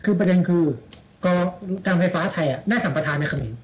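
A man's voice: high voice, brisk, a little hiss or hum, poor audio. A man in casual chat, blunt and slangy, with mocking asides.

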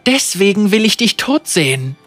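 A man reading aloud and voicing a cool, mocking female pirate bounty hunter in a high, teasing tone. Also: very animated, moderate pace, a bit bright, dry recording, faint music behind, full character voice. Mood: coolly mocking.

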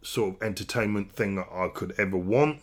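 A man's voice: on the low side, a little fast. A middle-aged man hosting a casual podcast chat, rambling with restarts and self-mocking asides. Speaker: podcast host.

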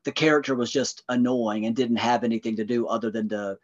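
A man's voice: medium pitch, steady tone, brisk, highs cut off. A man co-hosting a casual movie podcast, hedging and repeating words as he critiques a character. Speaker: podcast co-host. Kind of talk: casual movie review chat.

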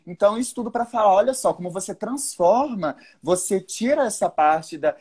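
A woman's voice: mid-range voice, expressive, normal speed, a little mellow, husky. A woman in a casual podcast conversation, talking thoughtfully and searching for her words.

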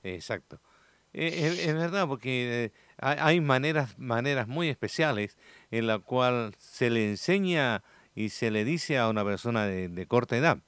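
A man in a casual discussion who agrees often and speaks haltingly, with frequent restarts. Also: medium pitch, animated, a bit bright, clear, resonant tone, no room sound.

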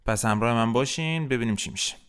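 A man teaching French in a podcast lesson, patiently explaining grammar step by step and modeling words for the listener to repeat. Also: mid-range voice. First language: Persian.

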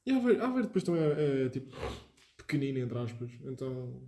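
A man's voice: medium pitch, very animated, fast, mellow, echoey room. A young man with a European Portuguese accent, chatting casually with friends as a podcast co-host. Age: young adult. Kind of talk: casual chat among friends.

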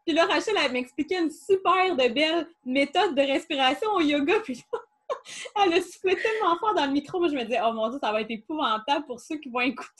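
A woman's voice: high voice, fast. A woman with a Québécois accent hosting a podcast, chatting casually and enthusiastically and laughing easily into a studio microphone. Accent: Québécois French.

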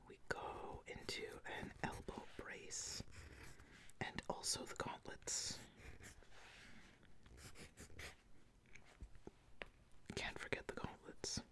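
A woman in a whispered role-play as a fantasy tailor, musing hesitantly as she talks a client through a garment design. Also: close to an everyday voice. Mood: musing, reassuring.

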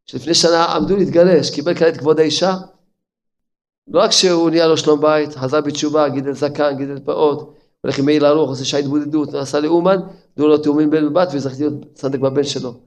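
Older male rabbi, fervent sermon delivery, higher-pitched, swings from cries to murmurs. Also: steady tone. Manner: impassioned, with sudden pitch leaps and drops to near murmur.

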